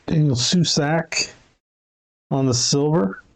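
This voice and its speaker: Casual card break host, male, gravelly voice, reads names and numbers off cards. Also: a little high, takes it slowly, background noise. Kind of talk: live card break commentary.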